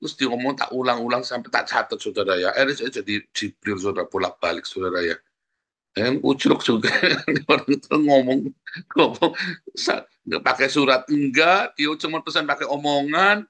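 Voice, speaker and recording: Male pastor with an Indonesian accent, bright voice, chatty sermon delivery with humor. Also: mid-range voice, normal speed. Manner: conversational and humorous, often adds "saudara ya" and laughs while telling a story.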